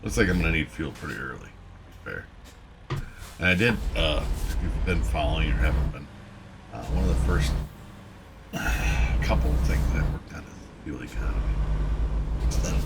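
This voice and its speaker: Middle-aged man from Wisconsin, gravelly low voice, casual rambling game commentary. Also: background noise. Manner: rambling, chatty, folksy. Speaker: gaming YouTuber. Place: home gaming room with driving rig. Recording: loud truck game audio underneath.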